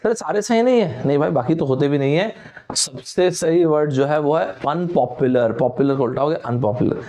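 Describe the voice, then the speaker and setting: A middle-aged male teacher with a Hindi accent leads a live online vocabulary class. He talks to viewers like friends in a chatty way, and his voice sits a little high for a man. He slows down to spell out words letter by letter. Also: warm tone.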